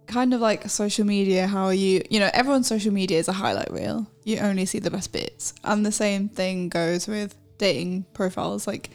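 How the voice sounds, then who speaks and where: A woman's voice: mid-range voice, steady tone, moderate pace, few pauses, soft background music. A woman in her mid twenties co-hosting a podcast, chatting casually and often saying "like". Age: 20s. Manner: chatty, uses "like" a lot. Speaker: podcast co-host. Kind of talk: casual chat.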